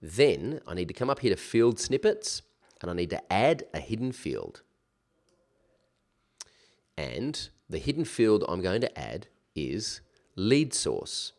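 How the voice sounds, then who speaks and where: A man with a low-pitched voice walks through a software task in a casual, chatty way. He sounds stuffed up from a cold, with a nasal, pinched-nose tone. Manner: chatty, informal, with slangy asides. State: recovering from a cold. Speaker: software tutorial instructor. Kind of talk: casual screen-share tutorial.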